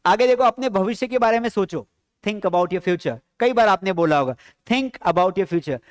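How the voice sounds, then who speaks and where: A man with a high voice gives a live-streamed English lesson from a close mic, and the sound is dry and dead. He drills everyday sentences and asks his students the same questions again and again. He slows right down on each English phrase. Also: expressive, dry recording. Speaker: spoken English teacher.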